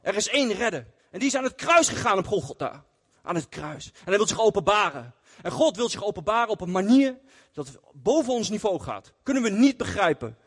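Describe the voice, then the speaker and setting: A man's voice: sits high, sing-song, a little fast, husky. A man preaching a testimony sermon in church, earnest and retelling scripture stories. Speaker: lay preacher. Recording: long hall reverb.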